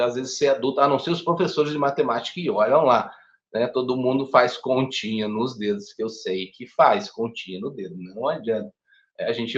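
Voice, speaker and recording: A man with a Brazilian Portuguese accent giving a first aid lecture to teachers, animated and chatty, often checking that his listeners follow. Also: medium pitch. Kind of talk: online teacher training lecture. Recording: echoey room, dull lo-fi sound.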